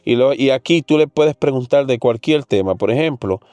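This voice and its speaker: Male tech host, warm low-bright tone, dry close sound, chatty and direct with viewers. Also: expressive, normal speed, clear, resonant tone, no echo. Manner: chatty, addresses the viewer directly with frequent fillers. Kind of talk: casual tech demo talking to viewers.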